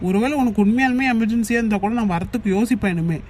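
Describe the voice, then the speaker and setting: A guy doing young cartoon dude arun, kinda high voice, scolding then woozy. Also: rapid-fire, a little mellow, slight background noise, lightly acted. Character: young man Arun, drugged and confused. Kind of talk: animated cartoon dub.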